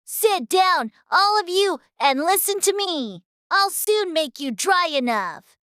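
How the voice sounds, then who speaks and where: A woman's voice: very high voice, expressive, slow, a bit bright, no room sound, clean studio sound, full character voice. A woman voicing a self-important mouse who lectures the others in a storybook drama. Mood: commanding. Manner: prim, lecturing.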